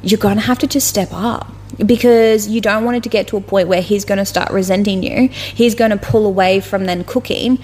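A woman co-hosting a casual podcast chat, rambling and blunt, with plenty of swearing and animated retellings. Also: mid-range voice, brisk. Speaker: podcast co-host.

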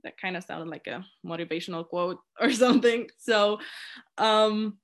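A young adult woman from Poland, a native Polish speaker, chats casually in an interview as a committee chair, filling her speech with "like" and restarts. Her voice is medium-pitched at a moderate pace.

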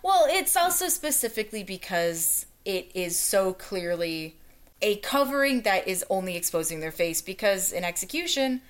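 A woman's voice: medium pitch, sing-song, normal speed. A woman co-hosting a podcast, discussing a TV episode with dry, wry analysis. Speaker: podcast co-host. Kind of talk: casual chat about a TV episode.

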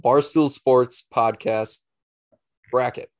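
A man co-hosting a casual podcast, with a middling pitch and an easygoing, halting way of talking. He often restarts his sentences. The sound is dry and close, with almost no room echo. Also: fairly even intonation. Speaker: podcast co-host.

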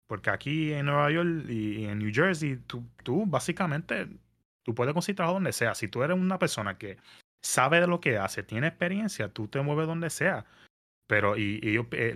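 A man, telling a story in casual podcast chat, animated and mixing in English words. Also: mid-range voice. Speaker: podcast guest. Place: New York area.

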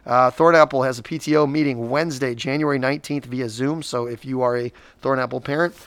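A man's voice: mid-range voice, fairly even intonation, a little fast, clear, resonant tone, no room sound. A man in his forties co-hosting a local school podcast, talking casually and rambling, with frequent restarts. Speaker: school district podcast co-host. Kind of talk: casual chat.

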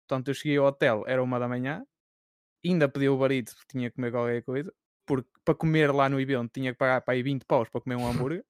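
A man's voice: mid-range voice, fairly even intonation, racing, clear, resonant tone, no echo, studio quality. A man with a European Portuguese accent, co-hosting a podcast and telling rambling, filler-heavy stories in casual chat. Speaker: podcast co-host.

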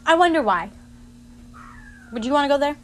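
A woman's voice: high-pitched, expressive, normal speed. A young woman co-hosting a casual podcast, a bit tipsy, laughing and stumbling as she reads aloud. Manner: laughs a lot, stumbles reading aloud, swears. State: feeling tipsy and queasy. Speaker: podcast co-host. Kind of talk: casual chat.

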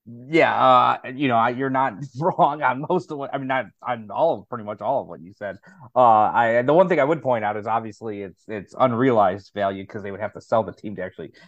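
A man's voice: medium pitch, fairly quick, no echo, lo-fi sound. A man co-hosting a sports podcast, hedging and agreeable, with many fillers. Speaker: podcast co-host. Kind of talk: casual sports podcast chat.

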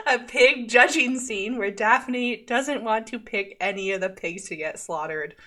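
A woman's voice: a little high, slow, pushed and bright. A woman co-hosting a podcast, chatting casually about a TV episode, with many "like" fillers and frequent laughs. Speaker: podcast co-host. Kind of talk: casual chat recapping a TV episode.

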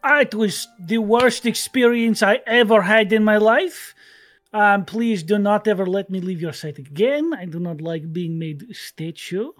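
A woman voicing a big, hearty male dwarf adventurer in a gruff voice, boisterous and affectionate, with stilted grammar in a tabletop game. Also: medium pitch, unhurried, soft background music, lightly acted. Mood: earnest, plaintive. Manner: stilted grammar, drops articles.

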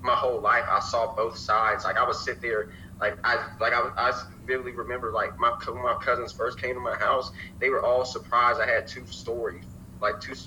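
A young man from Alabama talking in an animated casual chat, swearing freely and often checking in with his listeners. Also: medium pitch, moderate pace, slight background noise, rough recording. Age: young adult. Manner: animated, swears freely, keeps saying "you feel me".

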